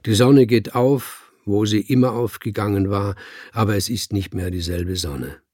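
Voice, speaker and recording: A solemn male cat holds forth to his fellow cats in a slow, sonorous, sermon-like voice, as a man reads him in an audiobook. The tone is low and a little husky. The recording is close and dry. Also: darkish tone, dry recording, lightly acted. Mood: grave. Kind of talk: audiobook reading.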